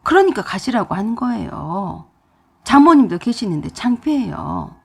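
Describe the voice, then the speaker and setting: Woman doing a young husband, pleading, exasperated, low and gravelly. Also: very animated, moderate pace, full character voice. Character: young husband torn between mother and wife.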